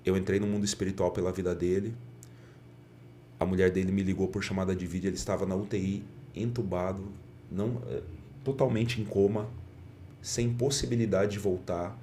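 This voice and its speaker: A middle-aged man with a very low, deep voice tells an earnest testimony as a podcast guest. He acts out the lines he quotes as he speaks. A faint hum of room ambience sits behind him. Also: fairly even intonation, fairly quick, warm tone. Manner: earnest storyteller, often acts out quoted dialogue. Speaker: pastor and guest.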